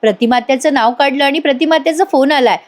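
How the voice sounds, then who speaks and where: A woman's voice: high voice, fast, natural voice. A woman voicing a sensible young daughter-in-law who answers politely and reassuringly.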